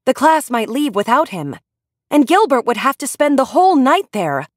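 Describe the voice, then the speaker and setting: A woman reading a children's story aloud in an expressive storytelling manner. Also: sits high, normal speed, dry recording, studio quality. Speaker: audiobook reader.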